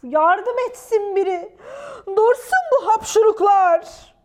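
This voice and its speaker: A woman's voice: extremely high pitch, takes it slowly, darkish tone, voice pushed up. A woman voicing a sick male lion with a cold in a children's storybook, whiny and pleading.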